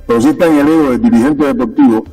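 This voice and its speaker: A man's voice: mid-range voice, rapid-fire, warm tone, recorded from a distance, poor audio. A Cuban-born man in a conversational interview, speaking as a sports official. He talks emphatically and circles back to repeat his key points. His mid-range voice sits a little away from the mic, with faint music underneath. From Cuba.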